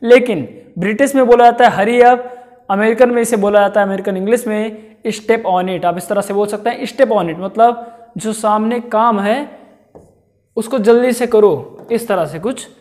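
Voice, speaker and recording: A man giving a spoken-English lesson who repeats himself and slowly draws out each example phrase. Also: high voice, a little mellow. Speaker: English teacher.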